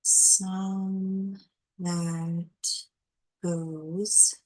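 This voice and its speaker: A woman chatting casually to her channel, keeping quiet as if others are asleep nearby, rambling and trailing off mid-thought. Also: lowish voice, flat delivery, extremely slow, low-quality recording. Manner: quiet, hushed talk so as not to wake people napping nearby. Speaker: channel host doing card readings. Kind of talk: casual chat.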